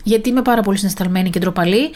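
A woman's voice: medium pitch, darkish tone. Chatty woman hosting a solo podcast. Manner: chatty, self-mocking, talks straight to the listener. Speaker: podcast host. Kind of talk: casual solo podcast chat.

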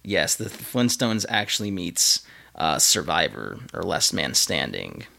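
A podcast co-host tells a history story in a casual, laid-back, giggly way, filling his speech with lots of fillers. His low-pitched voice is sing-song and unhurried, with vocal fry and a pushed, bright quality.

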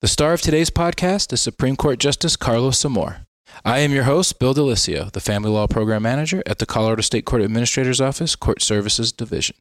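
A man's voice: medium pitch, quick pace, dry recording, studio quality. A man hosting a podcast, reading a scripted intro with an upbeat, announcer-like delivery before asking his guest interview questions in a judge's chambers. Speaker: podcast host. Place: judge's chambers in a court building.

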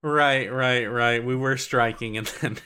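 A man guesting on a comedy podcast, joking deadpan with fillers while plugging his projects. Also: medium pitch, a little slow, slight background noise. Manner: deadpan jokey, hesitant with fillers. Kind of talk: casual comedy chat.

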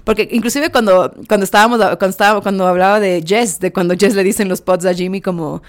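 A woman's voice: medium pitch, steady tone, quick pace. Chatty young woman reviewing TV. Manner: chatty, keeps asking viewers "¿ok?"; sprinkles English words into speech. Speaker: reality TV reviewer. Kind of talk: casual review vlog.

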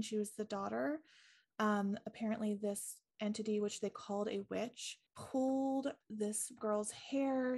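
This podcast co-host retells a ghost story casually, filling it with ums and likes. Her medium-pitched voice is creaky and darkish in tone. She's chatty and quick to laugh.

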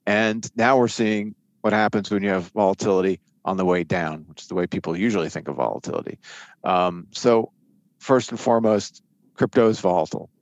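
A man with a fairly low voice gives conversational expert analysis as an interview guest. The sound is dry and close. He talks haltingly, circling back to repeat words as he builds each point. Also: dry recording, dull audio. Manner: halting, repeats and restarts words mid-thought. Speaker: financial markets editor, interview guest.

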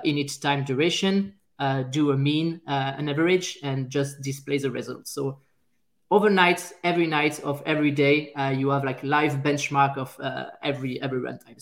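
A man from France with a French accent, a software engineer guest talking casually in an interview, often pausing with fillers and restarting his sentences. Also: on the high side. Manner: hesitant, many fillers and restarts.

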